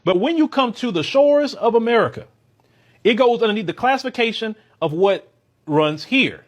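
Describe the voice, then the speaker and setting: A man with a high voice that swings up and down a great deal. He speaks bluntly and with emphasis, in a clip from another video. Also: animated, normal speed.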